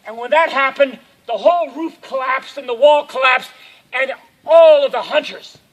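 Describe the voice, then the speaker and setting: A man telling a campfire story at a camp, dramatic and swinging from hushed to loud. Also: very high-pitched, normal speed, low-quality recording.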